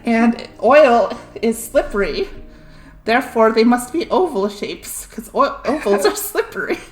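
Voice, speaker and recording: A woman's voice: a little high, expressive, unhurried. A young woman streamer casually explaining science, laughing often and filling her talk with "like" and "um". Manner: giggly, full of "like" and "um" fillers. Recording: echoey room, faint music behind.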